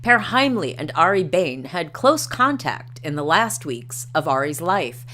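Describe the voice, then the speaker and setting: Her voice sits low with big pitch swings, a sharp tone and a measured pace, and a little hiss or hum runs underneath. She's a livestream host, not a native Norwegian speaker, chatting casually and reading articles and quotes aloud, hesitant and full of ums and uhs.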